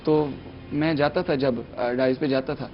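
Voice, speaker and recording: A man's voice: mid-range voice, steady tone. Young man chatting eagerly, lo-fi sound. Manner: eager, chatty, sprinkles English words. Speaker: guest mimicry artist. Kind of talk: casual TV chat. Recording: dull lo-fi TV studio sound, faint music.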